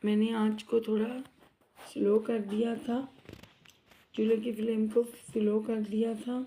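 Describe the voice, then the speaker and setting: The audio is poor, with a little hiss or hum, carrying a woman's fairly high, dark-toned voice that barely moves in pitch. Unhurried and dealing with a sore throat, she hosts a home cooking vlog, talking viewers through frying snacks in her kitchen. She stays chatty and friendly, calling them "guys" and asking for subscribes.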